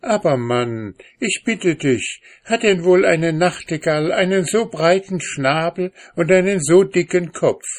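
A sharp-tongued, scornful housewife from a storybook, as a male reader puts her on. Her voice is pitched far above his own and leaps up and down, slowly and deliberately spoken. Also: lively intonation. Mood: scolding. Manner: scolding, dismissive. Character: sharp, mocking housewife, stubborn.

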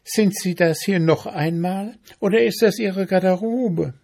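A shrill, bossy female ant , put on by a male storyteller, who lectures and scolds in a raised, pushy voice. She is pompous and energetic, with a slow, gravelly edge underneath. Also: full character voice. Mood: lecturing.

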